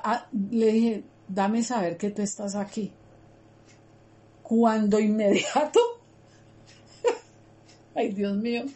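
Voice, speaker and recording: A woman with a warm, mid-range voice leads a Bible study. She talks earnestly and conversationally, repeating herself and speaking directly to her listeners.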